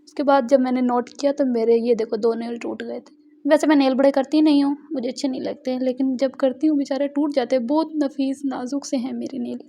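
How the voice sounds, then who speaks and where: A woman's voice: high voice, steady tone, fairly quick, warm tone. A young woman, rambling and giggling as she tells a casual vlog story. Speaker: vlogger. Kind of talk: casual chatty vlog narration.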